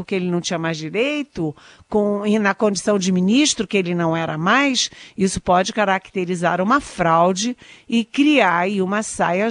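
A woman's voice: mid-range voice, no room sound. A woman giving ironic, emphatic political commentary on a radio talk show, often repeating herself with fillers.

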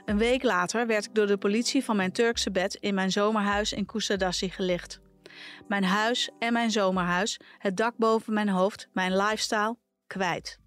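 A woman reading a first-person personal story aloud for a podcast, in a calm, measured storytelling manner. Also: medium pitch, faint music behind. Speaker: podcast reader.

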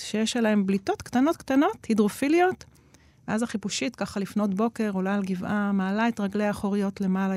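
Woman, expert guest, explanatory talk, many fillers, mid-pitched, dry sound. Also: darkish tone, dry recording. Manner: explains at length, frequent hesitation fillers. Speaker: guest expert on nature-inspired innovation.

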